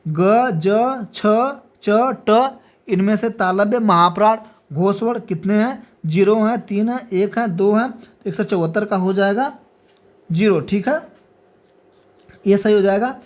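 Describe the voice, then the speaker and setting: During an exam practice lecture, a woman reads out multiple-choice questions and options unhurriedly, her mid-range voice a little mellow. She confirms every answer with a brief check, repeating "ठीक है" each time.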